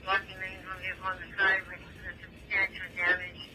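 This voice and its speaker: A woman's voice: mid-range voice, monotone, brisk, sharp tone. A woman working as an emergency dispatcher, speaking in clipped, procedural phrases over a police radio style two-way transmission. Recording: noisy emergency radio scanner feed.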